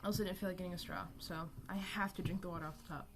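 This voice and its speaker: Fairly low-pitched and steady, this young woman talks at a racing clip while streaming her art live from home. Her chatter is loose and rambling, full of self-deprecating jokes and free swearing, and music plays in the background.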